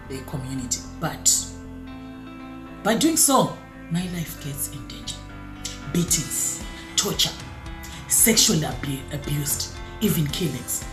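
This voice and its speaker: A woman from Zimbabwe gives a personal testimony, pressing her point with emphatic, repeated phrases. Her pitch rises and falls widely as she speaks. The recording sounds roomy, with soft music underneath. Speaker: artist and refugee.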